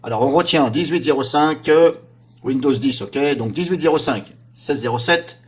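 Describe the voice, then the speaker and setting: A man's voice: mid-range voice, moderate pace, a little hiss or hum. A man giving casual, rambling commentary over a screen recording. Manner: chatty, rambling, frequent "hein" and "donc là". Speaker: tech screencast narrator.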